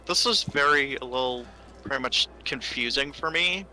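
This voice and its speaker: A man's voice: medium pitch, normal speed, pushed and bright. A man playing a tabletop game, thinking aloud hesitantly about what his character does. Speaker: player.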